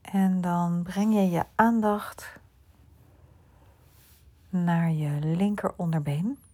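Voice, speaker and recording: A woman guiding a listener through a slow sleep relaxation, speaking softly and often in a whisper. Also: lowish voice, steady tone. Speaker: sleep meditation guide.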